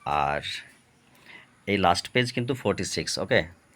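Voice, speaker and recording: Man with a Bengali accent, deep low voice, unhurried, patient tutor. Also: lively intonation, a bit bright, slight background noise. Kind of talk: recorded lesson for children.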